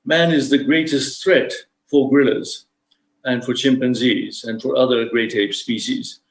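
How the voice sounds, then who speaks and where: A man from Uganda who founded safari lodges, giving a measured, formal talk on a live stream with frequent fillers. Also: mid-range voice, steady tone, reverberant, rough recording.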